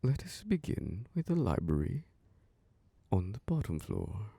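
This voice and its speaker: Close to the mic, an ancient vampire lord welcomes guests to his masquerade as castle host, voiced by a man with a low, gravelly tone. This ASMR roleplay is heavily acted, slow, seductive, and sing-song, with soft chuckles, charm, possessiveness, and a slight hiss or hum.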